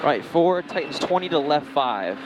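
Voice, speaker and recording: A man's voice: fairly high pitch, lively intonation, normal speed. A man working as a rally co-driver, calling out pace notes in clipped, repeated strings of numbers and directions from inside a moving car. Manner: clipped, repetitive callouts with numbers. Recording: very loud race car engine noise. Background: engine roar, tire squeal, car noise.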